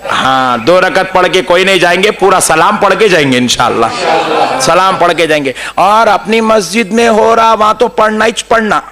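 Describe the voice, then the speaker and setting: A man preaching a sermon. He tells stories in a lively way, calls out to the congregation, and breaks into melodic chanted recitation. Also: high-pitched, normal speed, crowd noise.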